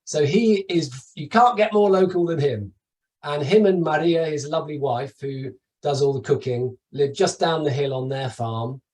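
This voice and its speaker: A man's voice: a little high, moderate pace, darkish tone, distant mic, rough recording. A middle-aged man from the UK giving a chatty, enthusiastic webinar presentation over slides, with asides and restarts. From United Kingdom. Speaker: travel company presenter.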